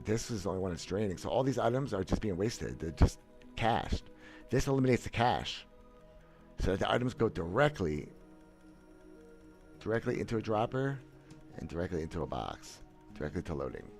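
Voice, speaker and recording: Seated in a small room with a headset mic and webcam framing, a thirtysomething gaming streamer delivers casual livestream commentary. His voice sits fairly low and sounds a little mellow. He speaks bluntly and boastfully, with frequent restarts and stammers.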